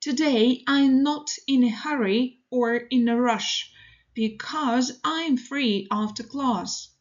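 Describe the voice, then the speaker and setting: A woman teaching English, reading model sentences for learners in a slow, deliberate, evenly paced way. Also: on the high side, highs cut off.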